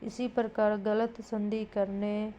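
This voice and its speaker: A woman teacher drilling correct spellings in an exam-prep grammar lesson, deliberate and repetitive, now and then addressing her listeners directly. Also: medium pitch, little pitch movement, dark tone, slight background noise.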